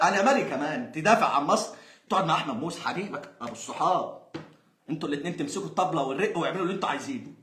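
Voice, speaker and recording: A man's voice: on the high side, a bit bright. A young Egyptian man, a football fan, ranting in exasperation and sarcasm, sometimes laughing. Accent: Egyptian Arabic. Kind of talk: angry ranting monologue. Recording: roomy echo.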